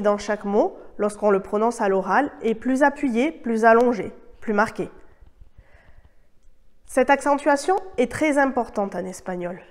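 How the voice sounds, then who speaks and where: Woman, French native, Spanish teacher, measured scripted lesson, slightly high voice. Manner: clear, measured explanations with modeled Spanish words.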